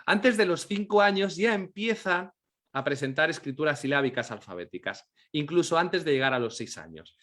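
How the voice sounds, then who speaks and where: A man teaching a lesson, explaining step by step, asking and answering his own questions, slowly sounding out syllables and sometimes correcting himself. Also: on the high side, animated, a bit bright. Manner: occasional apologetic self-corrections. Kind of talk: educational lecture on literacy.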